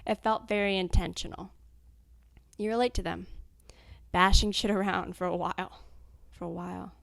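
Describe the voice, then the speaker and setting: Blunt, gravelly young woman, dry close sound. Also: lowish voice, steady tone, normal speed, a bit bright, dry recording. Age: 20s. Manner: blunt, frank, swears freely. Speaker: anonymous interviewee. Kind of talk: candid recorded interview, cut into fragments.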